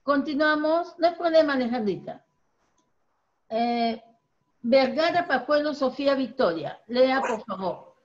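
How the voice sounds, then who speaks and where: A woman teacher with a high voice leads a primary reading class over a dull, lo-fi video call. She praises often and slows down to model each word. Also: expressive. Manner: encouraging, corrects pronunciation slowly.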